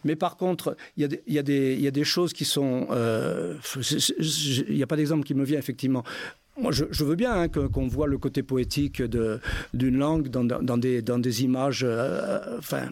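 A man's voice: medium pitch, normal speed, vocal fry, a little mellow. Hesitant man arguing a point. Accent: Auvergnat. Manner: hesitant, repeats words, argues a point. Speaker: discussion participant. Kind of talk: group discussion.

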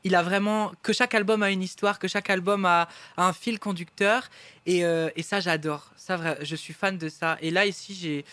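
A man's voice: high-pitched, fairly even intonation, normal speed, sharp tone, dry recording. A man, chatting as a guest singer in an interview in a restaurant, enthusiastic and rambling with many restarts. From Belgium. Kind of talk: casual interview chat.

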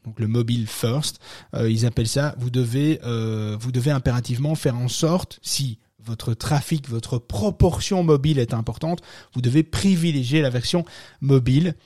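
A man's voice: medium pitch, mellow, dry recording, studio quality. A francophone man hosting a live podcast from home, explaining casually with many fillers and restarts, laughing at his own asides. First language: not French-born, francophone. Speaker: podcast host.

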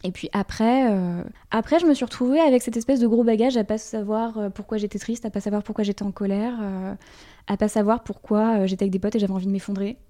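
A woman talks openly as a podcast guest, her voice mellow and warm. She pauses and fills gaps as she goes, and laughs often. Her pitch sits in the middle range. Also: fairly even intonation. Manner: halting, full of fillers, laughs often. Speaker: interview guest, brand designer. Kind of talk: candid podcast conversation.

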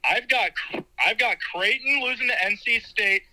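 A young man in college, phoning in on speakerphone and chatting casually, blunt and quick to swear. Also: very high voice, sharp tone, poor audio. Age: young adult. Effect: heard over a phone on speakerphone. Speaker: caller phoning in. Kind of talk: casual chat.

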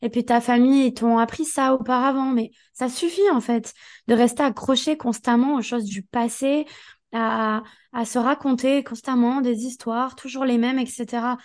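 Hoarse woman with a somewhat high voice, co-hosting a podcast, coaching with emphatic direct talk. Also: steady tone, normal speed, a little mellow. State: hoarse, partly lost voice. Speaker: podcast co-host. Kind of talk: casual motivational podcast chat.

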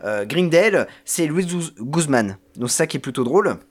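A man's voice: on the high side, animated, normal speed. A man talking casually on a podcast as a panelist, presenting a TV series with many hesitations and filler sounds.

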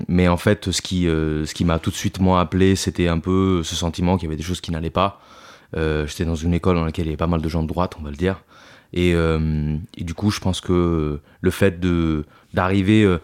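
A man in his thirties with a very deep voice, from Italy, speaking as a podcast guest. He talks loosely and casually, pausing often with fillers and starting his sentences over. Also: darkish tone. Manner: hesitant, many fillers and restarts. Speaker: podcast guest, climate activist. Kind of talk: casual interview talk.

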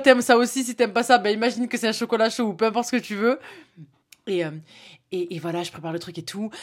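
A young woman with a Toulouse accent, telling a spontaneous story on her podcast and talking straight to the listener. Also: fairly low pitch. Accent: Toulouse, southern French. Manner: spontaneous, chatty, addresses listener directly, many fillers. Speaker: podcast host. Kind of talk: casual solo podcast storytelling.

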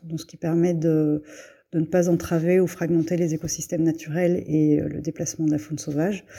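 Hesitant woman farmer, dark voice. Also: lowish voice, husky. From Belgium. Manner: hesitant, many fillers and restarts. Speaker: farmer and forager guest. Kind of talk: casual spoken testimony.

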